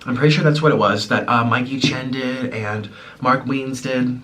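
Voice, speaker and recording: Here the Ukrainian-born, US-raised mukbang host in his twenties rambles through a meal on camera at home. His medium-pitched voice keeps a fairly even intonation at a moderate pace and sounds a bit bright. Faint room noise comes through a slightly distant mic.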